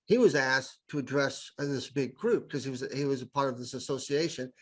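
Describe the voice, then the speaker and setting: A middle-aged man with a medium-pitched, brisk voice is on a podcast as a guest; he's an improv speaker. His storytelling is casual and eager, with words repeated as he works up to his point.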